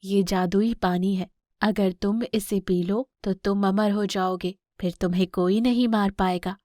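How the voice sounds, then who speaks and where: Woman voicing a calm ghostly father lion. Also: medium pitch, a little slow, no room sound, studio quality, close to an everyday voice. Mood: kind.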